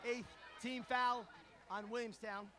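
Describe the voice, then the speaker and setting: High voiced guy doing play by play at a hs basketball game, short punchy calls, loud crowd n hiss. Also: little pitch movement. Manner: brisk clipped calls, rising to shouts. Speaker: play-by-play announcer. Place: high school gym. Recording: crowd noise and hiss behind.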